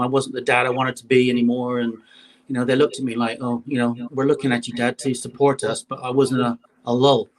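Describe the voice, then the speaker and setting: Chatty man in his fifties. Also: mid-range voice. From England. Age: 50s. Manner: chatty, leans on "you know" and "uh". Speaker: guest. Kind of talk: casual interview on a call.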